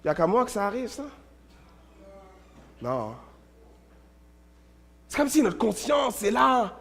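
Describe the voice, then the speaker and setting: In a church, a man whose voice sits high preaches slowly as a pastor, with big swings in pitch. His sermon is built on stories and repeated words, and his delivery shifts between loud and quiet.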